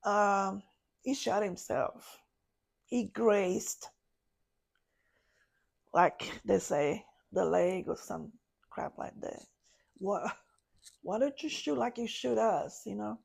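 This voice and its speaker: A woman, a podcast guest, recounting a personal story in a halting way, searching for words. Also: mid-range voice, expressive, creaky. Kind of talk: personal story told in an interview.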